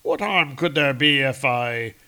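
A man's voice: medium pitch, animated, unhurried, bright, forceful tone, clean tone. A man voicing a stout, greedy, blustering male warrior.

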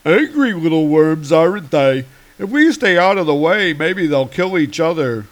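A man's voice: on the high side, expressive, normal speed, pitched above the performer's own voice, close to an everyday voice. A man voicing a sneering male frost giant from a comic, mocking the fighters.

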